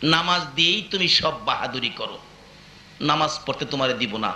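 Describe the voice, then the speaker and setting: A low, sneering tormentor growls his threats, put on by a male preacher mid-sermon. The voice sinks far below the man's usual pitch and turns quieter and menacing. The sound rings with room echo. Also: expressive, moderate pace, slight background noise. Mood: taunting. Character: cruel, mocking adult male tormentor. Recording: echoey live sermon audio.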